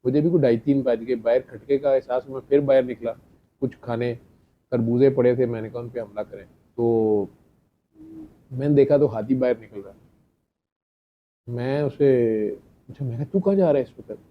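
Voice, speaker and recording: A man's voice: mid-range voice, fairly even intonation, moderate pace, long pauses. A middle-aged man tells a chatty anecdote to a gathering, acting out the dialogue and laughing between lines. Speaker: speaker addressing a gathering. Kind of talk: storytelling talk. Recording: dull lo-fi sound.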